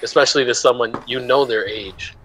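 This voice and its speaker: A young man co-hosting a casual podcast, chiming in with quick interjections. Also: medium pitch, crowd noise, low-quality recording. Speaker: podcast co-host.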